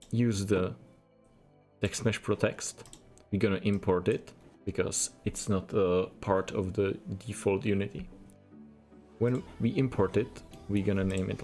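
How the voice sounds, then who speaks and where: A programming tutor from the Czech Republic, with a low, gravelly, darkish voice and Czech accent, walks through a screen-recorded coding tutorial step by step. His instructions are plain, and he keeps repeating "we're gonna." Faint music plays underneath, with occasional key taps.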